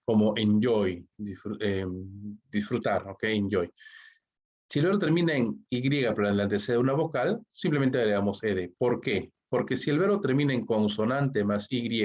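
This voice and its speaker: A man's voice: fairly low pitch, a little mellow. A man with a Peruvian Spanish accent teaching English grammar in an online class, walking through the rules step by step and checking in with "¿ok?" after nearly every line. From Peru. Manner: explains step by step, checks with constant "¿ok?" and "¿no?". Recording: dull lo-fi recording.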